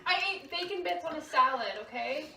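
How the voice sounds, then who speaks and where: Young woman cracking dry jokes, high voice, echoey room, noisy and far from the mic. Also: fairly quick, gravelly, a crowd in the background. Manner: wry, sweary, offhand. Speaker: friend. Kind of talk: casual chat.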